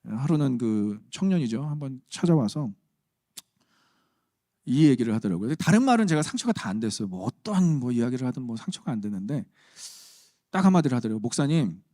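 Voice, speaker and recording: A man's voice: mid-range voice, sing-song, a little fast, mellow, no echo, clean studio sound. A man preaching a sermon as pastor, conversational and humorous with emphatic turns. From Chungcheong region, Korea.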